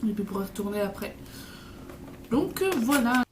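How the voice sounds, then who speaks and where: A woman's voice: medium pitch, very animated, normal speed, darkish tone. A woman in her twenties chatting casually in a travel vlog from a hotel room, rambling with many fillers and restarts. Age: 20s. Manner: rambling, filler-heavy, self-correcting. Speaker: vlogger. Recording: roomy, distant, noisy.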